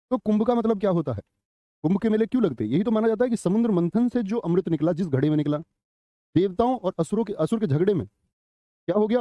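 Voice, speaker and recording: A man's voice: sits high, dark tone, dry recording. A middle-aged man teaching a live online grammar class, chatty, telling anecdotes and quizzing students.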